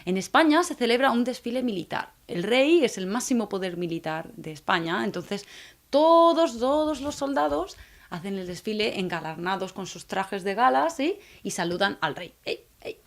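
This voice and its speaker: A woman from teaching Spanish to learners, speaking slowly and clearly and often checking in with the viewers. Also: mid-range voice, expressive. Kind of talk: scripted video lesson for learners.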